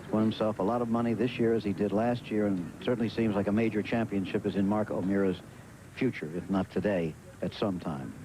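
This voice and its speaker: An American man giving live golf commentary as lead television announcer, in a measured, formal way with pauses. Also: on the low side, fairly even intonation. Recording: noisy outdoor broadcast, vehicle and ambient sound.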